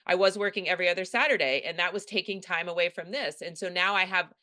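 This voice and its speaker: Woman, New York accent, middle-aged, podcast host, frank, bright tense voice. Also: on the low side, fast. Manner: frank, blunt, swears casually. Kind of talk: casual conversation.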